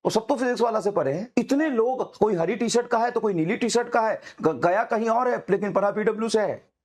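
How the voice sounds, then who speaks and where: Middle-aged male teacher with a high voice; intense, repetitive exhorting speech to students. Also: brisk, darkish tone. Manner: fiery, exhorting, repetitive urging. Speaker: coaching teacher.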